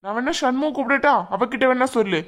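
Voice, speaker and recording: A woman's voice: high-pitched, quick pace. Coaxing, questioning woman in a home drama. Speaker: concerned mother-in-law figure in a family drama. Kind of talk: Tamil family drama acting. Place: indoors at home.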